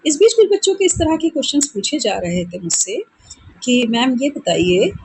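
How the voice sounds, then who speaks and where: A woman teacher with an Indian English accent, reading exam questions slowly in English and then explaining them in Hindi. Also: high voice, big pitch swings, a little mellow, slightly rough, low-quality recording.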